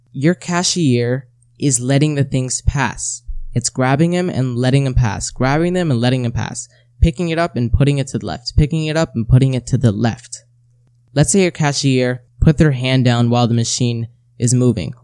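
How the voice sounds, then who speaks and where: A man's voice: medium pitch, dark tone, smooth, no echo, studio quality. A man hosting a self-help episode, talking conversationally and directly to the listener, repeating key phrases and asking rhetorical questions.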